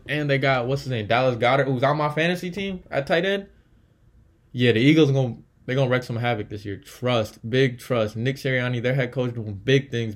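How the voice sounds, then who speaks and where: A man hosting a casual solo sports podcast, bluntly trash-talking teams and thinking aloud as he tallies win-loss records. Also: mid-range voice. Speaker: podcast host.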